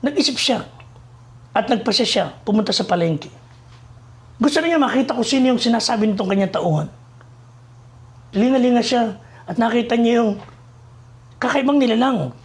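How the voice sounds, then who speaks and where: A man's voice: very high-pitched, lively intonation, normal speed, pauses often. A male missionary preacher from the Philippines telling a story in a sermon, mixing in English and speaking to listeners as friends. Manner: switches between Tagalog and English, addresses listeners as friends.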